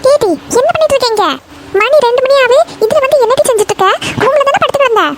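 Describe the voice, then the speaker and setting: A woman's voice: extremely high pitch, fast talker, over loud music. A woman voicing a tired young mother in a cartoon, who scolds her daughters and soothes her baby. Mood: scolding. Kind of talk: cartoon voice acting.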